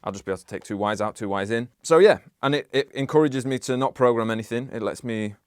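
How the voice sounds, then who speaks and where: A man's voice: medium pitch, quick pace, clear, resonant tone, no echo. A young man who makes music, talking casually about his process in his home studio, rambling with lots of "like". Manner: relaxed, rambling, many "like" fillers. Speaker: music producer. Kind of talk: casual studio vlog talk.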